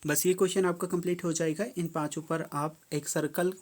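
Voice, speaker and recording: A teacher going through a worksheet step by step, reading each English prompt slowly and then explaining it in plain terms. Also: medium pitch, fairly even intonation, darkish tone.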